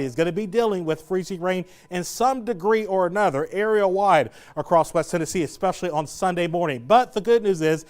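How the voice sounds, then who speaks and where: A man, a TV meteorologist giving a live weather forecast in a chatty, joking way, slightly out of breath. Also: sits high. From Southern Indiana. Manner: chatty, jokey, laughs between points.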